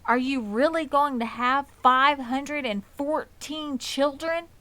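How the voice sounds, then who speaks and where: Storybook casting: excitable, innocent little boy pig, eager and affectionate, pitched up by a woman reader, unhurried delivery. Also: no echo, full character voice. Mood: amazed. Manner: eager, wide-eyed questioning.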